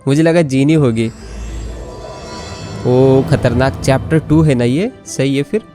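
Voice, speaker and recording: A young Indian man who speaks Hindi natively hosts a gaming video, giving casual commentary that switches between Hindi and English. His voice is medium-pitched and rapid-fire, with faint game music in the background.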